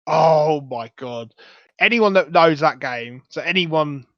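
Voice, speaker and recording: Young man, podcast host, enthusiastic chatter, slightly high voice, dry lo-fi recording. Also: slow pace, dry recording. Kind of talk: casual chat. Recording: dull, lo-fi dry sound.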